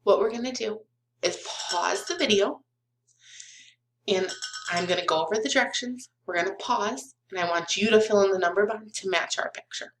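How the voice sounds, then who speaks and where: A young adult kindergarten math teacher records a lesson for small children, talking directly to them like a kids show host with simple, encouraging words, questions and counting along. Her voice is mid-range at a moderate pace, captured with roomy, echoey webcam sound and slight background noise.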